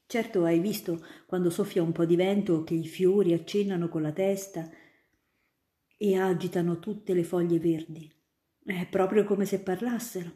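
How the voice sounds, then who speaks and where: With a lowish voice close to how she normally talks, a woman voices a kindly young male student sharing fanciful tales with a little girl in a storybook reading. She keeps a moderate pace and an enthusiastic, animated storytelling style. The audio carries a roomy echo.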